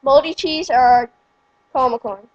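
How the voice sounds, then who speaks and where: Casting: high-voiced woman with a husky edge, casually calling out candy flavours, muffled home recording. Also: normal speed. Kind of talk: casual chat, calling out jelly bean flavour choices.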